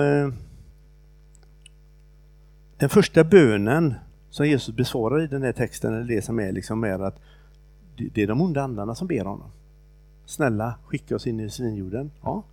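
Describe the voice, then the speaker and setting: This is a man delivering a relaxed, unscripted sermon and retelling a scripture passage in his own words. His voice has a gravelly, fry-tinged texture at a middle pitch. He talks haltingly, with fillers and restarts, and the recording is close and dry. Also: no room sound. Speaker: preacher. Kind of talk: informal sermon retelling a Bible story.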